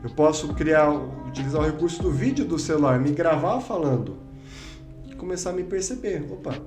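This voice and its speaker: Male speaking coach, raised pitch, instructive podcast delivery, echoey room. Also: animated, a little fast, over music. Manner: didactic, acts out students' complaints. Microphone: studio microphone.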